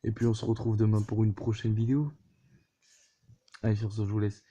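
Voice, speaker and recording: Male weather vlogger, low-pitched and mellow, stumbling casually through his words on a home computer mic. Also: level tone, a little fast. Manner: hesitant, many fillers and restarts. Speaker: weather video host. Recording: dull lo-fi recording.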